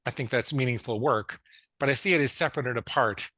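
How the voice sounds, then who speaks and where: A man's voice: mid-range voice, quick pace, bright, forceful tone, no echo. A man in his fifties, a psychologist guest telling his story in casual interview chat, earnest, with stammered restarts. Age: 50s.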